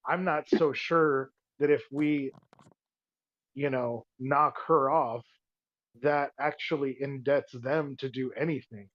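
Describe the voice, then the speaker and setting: A man making his case to the table, rambling and persuasive, often restarting his sentences. His voice sits at an ordinary middle pitch. It comes through a dull, muffled microphone with no room echo at all. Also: steady tone, slow, fairly bright tone. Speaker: tabletop player. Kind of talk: casual in-character planning talk. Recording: dull muffled dry mic sound.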